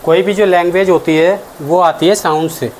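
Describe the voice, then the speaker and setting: A man's voice: sits high, steady tone, moderate pace, a little mellow, slight background noise. A man giving an exam-prep grammar lesson as the teacher, explaining step by step and answering his own questions. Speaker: English teacher.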